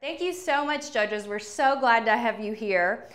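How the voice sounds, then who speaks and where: A woman's voice: a little high, unhurried, a bit bright. A young adult woman hosting a fan trivia game show with upbeat enthusiasm. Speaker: host.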